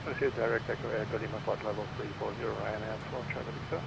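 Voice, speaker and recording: A man's voice: lowish voice, steady tone, fast, creaky, rough recording. A man on a pilot's headset radio, reading back instructions to air traffic control in a clipped way. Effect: pilot radio transmission over headset.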